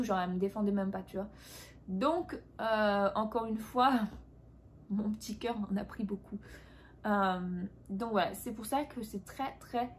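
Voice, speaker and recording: A young French woman talking casually to camera about life abroad, chatty and full of fillers. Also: mid-range voice. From France. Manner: chatty, many fillers, quoting others in English. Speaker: vlogger. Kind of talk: casual confiding monologue.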